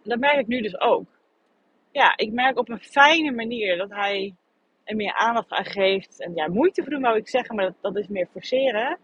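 A woman's voice: on the high side, moderate pace, a bit bright, slight background noise. A woman hosting a podcast, speaking candidly and thinking aloud in a reflective personal monologue. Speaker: podcast host. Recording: dull lo-fi recording.

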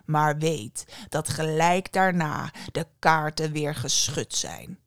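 Woman doing a deep, menacing bear. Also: clean tone, dry recording, clean studio sound. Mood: grave. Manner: slow, low, growling threats. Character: huge menacing male bear, gruff.

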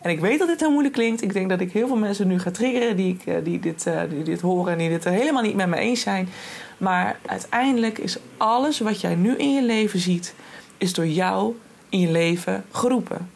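A woman's voice: mid-range voice, brisk, gravelly, darkish tone, husky. A young woman hosting a solo podcast, talking in a chatty, casual way with many fillers and restarts. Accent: Dutch. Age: young adult. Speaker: podcast host.

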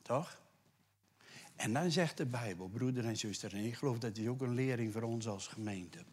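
A man preaching a sermon to a congregation, conversational and animated, dropping to hushed whispers for scripture and rising to loud emphatic bursts. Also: medium pitch, moderate pace, breathy edge. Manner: conversational asides with tag questions. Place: church.

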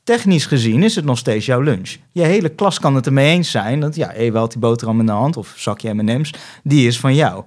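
A man's voice: mid-range voice, expressive, fairly quick, hardly any pauses, darkish tone. A young man from the Netherlands, a podcast guest, tells a travel story in casual chat and acts out phone calls.

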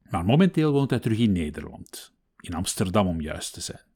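A man hosting a podcast, reading poems and talking calmly with lively intonation. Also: deep voice, normal speed, husky. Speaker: podcast host. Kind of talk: podcast narration and poetry reading. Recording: music playing behind the voice.

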